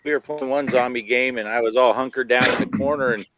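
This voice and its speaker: An American man with a mid-pitched voice chats casually with friends, telling anecdotes. His manner is joking and self-deprecating, and the sound is dry. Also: fairly even intonation, fast talker, a bit bright, dry recording, lo-fi sound. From Arizona, US. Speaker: host of a hobby gaming show. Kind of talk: casual anecdotal group chat.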